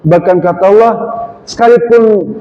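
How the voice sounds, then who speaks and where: A man giving a wedding sermon, preaching in a slow, measured way and chanting Arabic verses between lively jokes. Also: high voice. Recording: echoey hall, dull sound, faint ambience.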